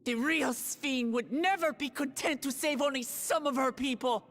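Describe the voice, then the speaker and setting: Firm earnest young heroine from a game, a bit high, sounds far off and quiet. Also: female voice, normal speed. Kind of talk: video game voice acting.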